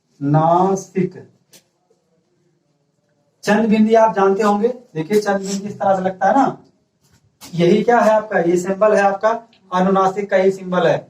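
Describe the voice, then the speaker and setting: Male teacher, high-pitched, recorded far off in a roomy space, steady dictating classroom delivery. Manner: repeats "ठीक है" and asks students questions he answers himself; dictates slowly for note-taking. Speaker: school teacher. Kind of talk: classroom grammar lesson. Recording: echoey room, voice from far off the mic.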